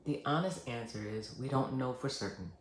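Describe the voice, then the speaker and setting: A man speaking as a hospice nurse and host, giving scripted educational narration in a measured, earnest, reassuring way. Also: medium pitch. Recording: roomy echo, faint background noise.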